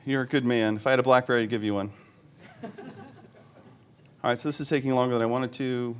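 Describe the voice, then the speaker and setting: A man giving a live conference talk, demoing software on stage, joking with the audience and talking himself through each step. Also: mid-range voice, steady tone, a little fast, a little hiss or hum. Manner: joking, self-deprecating, thinks aloud while demoing. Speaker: conference speaker. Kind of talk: live tech talk demo.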